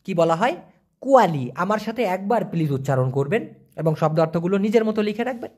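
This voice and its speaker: A man giving an online language lesson, answering viewer questions and slowly repeating foreign words for pronunciation. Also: high voice, animated, a little mellow, slightly rough. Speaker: language teacher.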